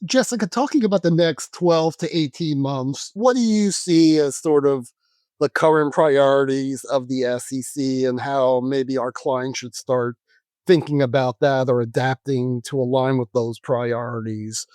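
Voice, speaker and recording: A man co-hosting a podcast, putting polite, deliberate questions to his guest. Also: mid-range voice, a little mellow, no echo. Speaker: podcast co-host. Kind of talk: interview questions.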